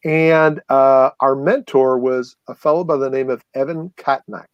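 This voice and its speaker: A man's voice: mid-range voice, a little slow, no echo, highs cut off. Chatty man telling stories, dry sound. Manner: rambling, animated, many fillers and restarts. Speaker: guest. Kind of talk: casual storytelling chat.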